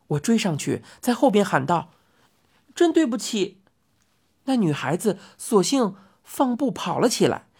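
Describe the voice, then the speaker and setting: A woman narrating a children's story in an expressive, lively reading style. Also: medium pitch, slightly rough.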